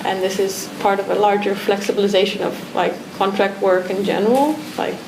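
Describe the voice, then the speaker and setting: The guest, a woman artist from Romania, has a mid-range voice with vocal fry and a flat, brisk delivery. At an art academy pavilion talk she muses reflectively, restarting and using fillers a lot, while the room echoes and background noise is audible.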